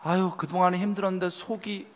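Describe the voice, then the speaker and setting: Animated male pastor in a reverberant hall. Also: sits high, fast talker. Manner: animated storytelling, acting out people's lines. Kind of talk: sermon at a youth retreat. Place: church sanctuary.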